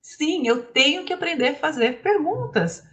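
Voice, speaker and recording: A woman from Brazil whose first language is Portuguese, giving a lively talk as an English teacher and asking her audience questions. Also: sits high, moderate pace. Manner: animated, asks the audience questions.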